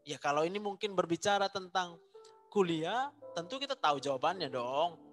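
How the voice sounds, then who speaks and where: Guy preaching a sermon, kinda high voice, repeats stuff over and over, quiet music behind. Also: normal speed. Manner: animated, repeats phrases for emphasis.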